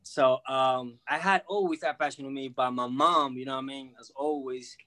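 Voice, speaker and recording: Speaking at a moderate pace in a steady, mid-range voice with a sharp tone, this guest shares personal stories in slangy, repetitive street talk. He works in freelance sports media, was born in Peru and grew up in the US from age two, and keeps saying "bro," "man" and "you know what I mean."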